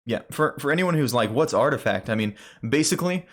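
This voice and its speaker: A young man co-hosting a gaming podcast, talking news in a relaxed, rambling way with lots of fillers. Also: on the high side, fast talker. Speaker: podcast co-host. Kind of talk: casual gaming news chat.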